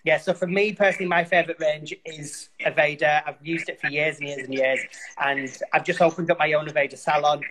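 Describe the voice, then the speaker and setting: A man's voice: fairly high pitch, fairly even intonation, brisk, fairly bright tone, a little hiss or hum, rough recording. A man, a hairdresser, patiently explaining hair colour on a video call and repeating points for emphasis. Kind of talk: casual video call chat.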